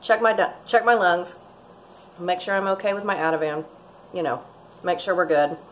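A woman in her forties chats casually through a cooking vlog in her home kitchen, rambling and laughing often. A fixed camera at close range records her lowish voice, which has fairly even intonation and a moderate pace, along with slight background noise.

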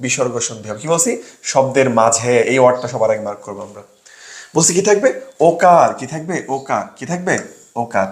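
Lively and a little fast, this young man's medium-pitched voice carries a roomy sound as he tutors students for an admission exam. He drills grammar by posing a question and answering it himself, in a classroom lesson that doubles as a sales pitch.

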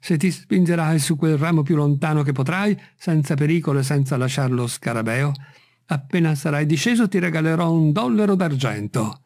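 A man voicing an excitable, feverish gentleman who gives urgent orders, in an audiobook reading. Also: fairly high pitch, moderate pace, lightly acted. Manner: agitated, urgent.

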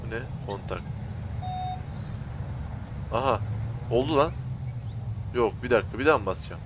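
A man's voice: medium pitch, lively intonation, moderate pace, background noise. A young man commentating on a game he is playing, talking to viewers in a slangy, exasperated way. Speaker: gaming YouTuber. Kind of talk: gameplay commentary.

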